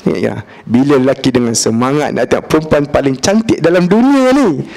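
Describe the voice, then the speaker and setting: Lively Malaysian preacher telling a story. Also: male voice, mid-range voice, normal speed, vocal fry. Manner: lively, humorous, acts out dialogue; colloquial, mixes in English words. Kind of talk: religious lecture storytelling.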